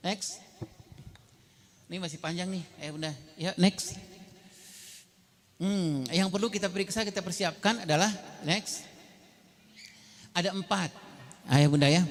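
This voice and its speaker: A man giving a parenting seminar, telling humorous, self-mocking stories and speaking straight to the parents in the audience. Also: high voice. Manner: humorous, self-mocking storytelling, often addresses the audience directly. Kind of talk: lively seminar talk to parents. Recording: long hall reverb.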